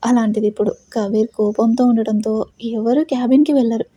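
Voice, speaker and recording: A woman's voice: fairly high pitch, steady tone, a little fast, warm tone, breathy edge, no echo. A woman narrating a romantic audio story in a dramatic storytelling manner.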